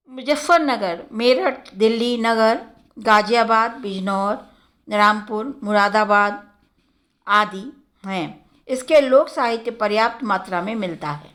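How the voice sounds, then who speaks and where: A woman giving a measured academic lecture, listing word forms one by one. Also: a little high, fairly bright tone. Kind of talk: slow academic lecture on Hindi dialects.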